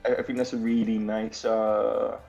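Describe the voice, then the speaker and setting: A Scottish man with a gravelly, creaky voice, talking as a guest in a loose, rambling way. His pitch sits in the middle range, and faint music plays underneath. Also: flat delivery, normal speed, muffled recording. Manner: rambling, many fillers and restarts, laughs easily. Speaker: game developer guest. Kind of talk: casual chat.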